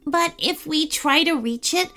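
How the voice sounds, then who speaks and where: A woman voicing a tiny, polite and timid female pickle in a high, prim voice. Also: unhurried, sharp tone, soft background music, exaggerated voice.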